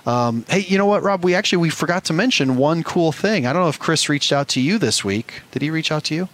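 A man's voice: fairly high pitch, animated, fast, fairly bright tone. A man hosting a live show, reading out giveaway winners with an upbeat manner and drawing out names like an announcer. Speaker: show host.

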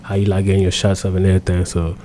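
A man's voice: low-pitched, monotone, very fast, mellow, a little hiss or hum. A young man from South Sudan, raised in Australia, talking casually as a basketball player guest in a laid-back, slangy way. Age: young adult. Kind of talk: casual interview.

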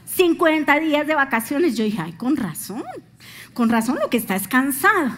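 A Colombian woman preaching a sermon as a pastor, telling animated stories and acting out the voices she quotes. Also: sits high, normal speed.

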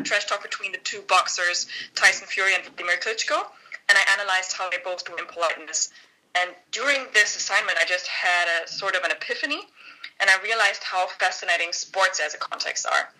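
In a low-quality recording, a woman in her thirties from northern Germany speaks with a German accent in a pushed, bright voice on the low side. She's a guest academic telling her story in a friendly podcast interview, laughing often.

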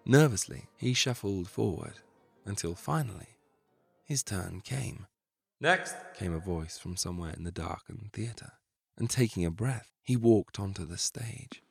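Low, gravelly male narrator, measured dramatic storytelling, faint music under. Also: darkish tone.

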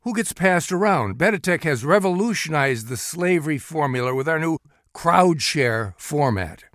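A man's voice: on the high side, expressive, moderate pace, fairly bright tone, no room sound, clean studio sound. A man playing a folksy, upbeat and evasive corporate spokesman in a comedy radio interview. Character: breezy, evasive corporate spokesman for an evil company. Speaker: interview guest, company spokesman.

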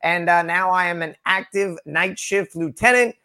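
A man's voice: high-pitched, moderate pace, bright, forceful tone. A forty-year-old man, a police lieutenant, speaking as a guest in a casual podcast interview, friendly and dryly joking. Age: 40s.

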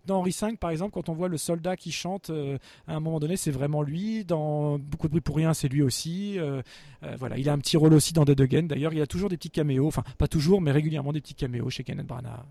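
A man's voice: fairly high pitch, fast talker, gravelly, mellow, dry recording. A man hosting a film music podcast, telling a long anecdote in a casual, rambling way with many fillers and restarts. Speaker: podcast host. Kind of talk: casual storytelling chat.

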